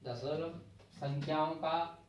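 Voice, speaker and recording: A man's voice: a little high, fairly even intonation, slow pace, slight background noise. A man with a Hindi accent from the Agra region teaching a math lesson in a classroom, explaining step by step and counting digits aloud. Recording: very echoey, distant, dull lo-fi room sound.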